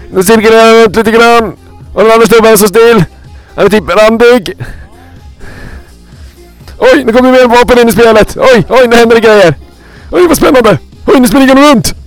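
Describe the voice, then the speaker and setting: A man's voice: high voice, no echo. En man som kommenterar ett spel live, andfådd och full av utrop. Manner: breathless, keeps saying "oj" and "nu". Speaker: game commentator. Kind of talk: excited play-by-play game commentary.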